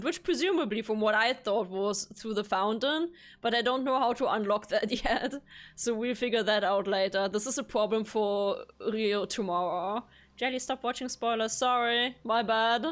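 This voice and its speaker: A woman chatting casually while streaming a video game, rambling along with quick self-corrections. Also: fairly high pitch. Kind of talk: casual chat while gaming.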